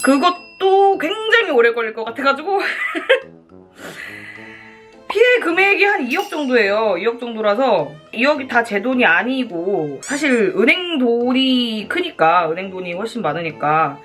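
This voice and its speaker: A woman's voice: fairly high pitch, sing-song, measured pace, a bit bright, soft background music. A woman chatting casually to viewers as a mukbang host, talking between bites while she eats.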